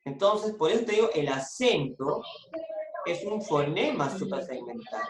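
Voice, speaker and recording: Patient teacher on a video call, slow and repetitive, prompting the class; roomy, echoing sound. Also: medium pitch, very animated, heavy background noise. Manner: patient, repeats and prompts students. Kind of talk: online class lesson.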